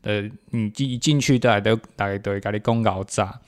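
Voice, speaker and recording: A man's voice: fairly low pitch, fast talker. A man with a Taiwanese Mandarin accent, co-hosting a casual chat and slipping into Hokkien phrases. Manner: repeats confirmations, switches into Taiwanese Hokkien phrases. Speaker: podcast co-host, parent.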